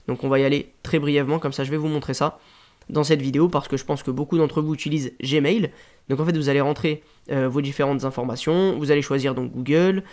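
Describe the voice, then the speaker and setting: A man with a French accent talking casually through a software tutorial, full of fillers and restarts. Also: on the high side. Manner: casual, rambling explanations with frequent fillers. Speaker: WordPress tutorial host. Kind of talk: screen-share tutorial.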